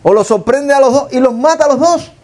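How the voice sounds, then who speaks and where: Cuban male preacher, middle-aged, fairly high and mellow, storytelling sermon with rhetorical questions. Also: a little fast. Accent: Cuban Spanish.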